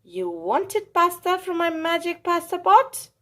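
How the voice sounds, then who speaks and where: A woman voicing a wise, firm old village witch in a storybook, stern and deliberate. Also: very high voice, sing-song, sharp tone, pitched above the performer's own voice, exaggerated voice. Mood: stern, knowing.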